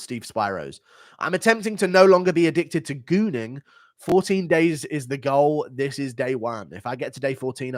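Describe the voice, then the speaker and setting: A man's voice: mid-range voice, no room sound, clean studio sound. A man from the United Kingdom, sick today, hosting a casual livestream, reading donations and joking in a profane, mocking way. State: sick, unwell.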